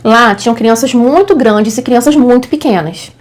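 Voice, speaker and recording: A young adult woman with a Brazilian Portuguese accent, a mother telling a story to her viewers in a casual, animated, chatty way. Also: on the high side, moderate pace. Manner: animated, chatty, addresses viewers as gente, acts out quotes. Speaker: vlogger and mother.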